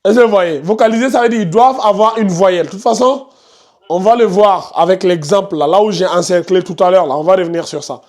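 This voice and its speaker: A fairly high-pitched man teaching tajwid to his students over a video call. He repeats his points and keeps pointing at the screen. He gives careful, patient explanations. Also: fairly quick, a little mellow. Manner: repetitive, pointing out details on screen, scolds noisy students. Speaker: Quran recitation teacher. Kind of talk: online class teaching tajwid.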